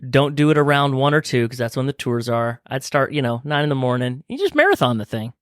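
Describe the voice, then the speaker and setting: A man's voice: medium pitch, level tone, fairly quick, clear, resonant tone, no echo, clean studio sound. Chatty joking man hosting a podcast. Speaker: podcast host. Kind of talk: casual chat.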